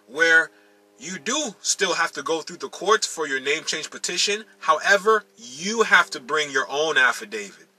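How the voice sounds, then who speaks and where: A man from Maryland in the United States, a teacher addressing his followers, gives an instructional monologue in a fairly high, pushed, bright voice with a breathy edge. He speaks emphatically, repeats key phrases and calls his listeners y'all. The recording is dry and rough.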